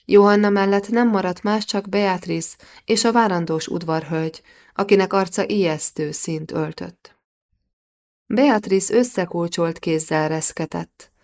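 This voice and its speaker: A woman narrating a historical novel as an audiobook, reading in a measured, even way. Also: lowish voice. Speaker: audiobook reader.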